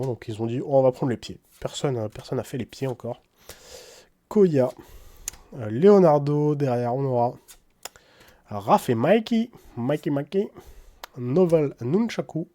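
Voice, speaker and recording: Slow, mellow-voiced man reading card names. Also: medium pitch. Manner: reads card names aloud, wry asides; stumbles over English card names in a French accent. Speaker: card-opening YouTuber. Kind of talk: casual card-opening commentary.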